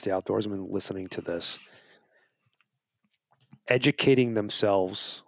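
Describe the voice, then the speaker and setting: A low-voiced man, recorded in studio quality with no room sound, is a guest in a casual interview about wildlife advocacy. He speaks earnestly and persuasively, often restarting his phrases.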